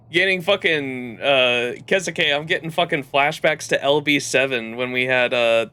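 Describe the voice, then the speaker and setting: A man's voice: mid-range voice, measured pace, sharp tone, clear, resonant tone. A man giving casual live-stream commentary on a game, reacting in slangy, sweary bursts. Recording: faint game music behind.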